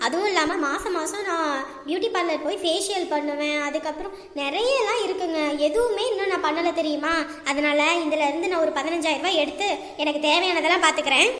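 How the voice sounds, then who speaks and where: A shrill, very high-voiced young wife, acted by a woman who talks fast and bosses her husband around. She wheedles and nags in a comic family-skit style. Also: a bit bright, echoey room, long reverb tail. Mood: bossy. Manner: bossy, wheedling. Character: young wife, demanding and money-minded.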